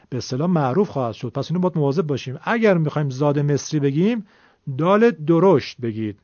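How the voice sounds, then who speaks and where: Male tajweed teacher, patient explainer, slow demonstrations, lo-fi recording. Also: on the high side, a little mellow, dry recording. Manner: explains slowly, then demonstrates drawn-out Arabic sounds. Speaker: Quran recitation teacher. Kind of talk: tajweed lesson with recited examples. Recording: dull lo-fi recording.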